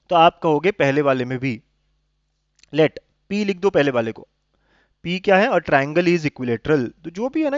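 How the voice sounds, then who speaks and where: A man's voice: a little high, dry recording. Man teaching maths, coaxing tone. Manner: coaxing, keeps checking understanding with tag questions. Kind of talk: explaining lesson to students. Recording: dull lo-fi sound, dry.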